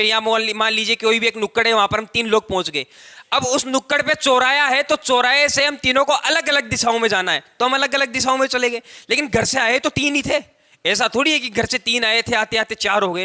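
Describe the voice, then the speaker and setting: A male technical tutor with an extremely high, pushed and bright voice lectures at a classroom whiteboard. He explains step by step, repeats key phrases, and draws out stressed words for emphasis.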